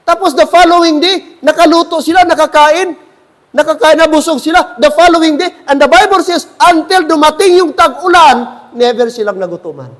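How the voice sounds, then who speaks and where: High-voiced Filipino man preaching in an echoey hall. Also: normal speed, a bit bright. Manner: mixes Tagalog and English, preacherly asides to the congregation. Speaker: pastor. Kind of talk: sermon. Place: church.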